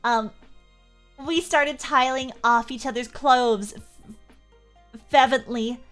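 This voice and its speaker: A woman's voice: sits high, steady tone, takes it slowly, a bit bright, faint music behind. A young Australian woman streamer reading a fanfic aloud with comic commentary, often breaking into giggles. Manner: giggly, keeps breaking into laughter.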